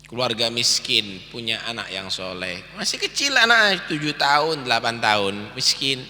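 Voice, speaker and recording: A man giving a dawn lecture sermon, telling stories in an animated way and addressing listeners as brothers. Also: mid-range voice, moderate pace. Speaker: preacher. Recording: long hall reverb.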